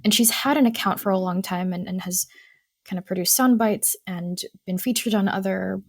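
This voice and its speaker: A woman counselor guesting on a podcast, talking in a thoughtful, measured way and often stopping to qualify her points. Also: medium pitch, no echo, clean studio sound. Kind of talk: casual podcast conversation.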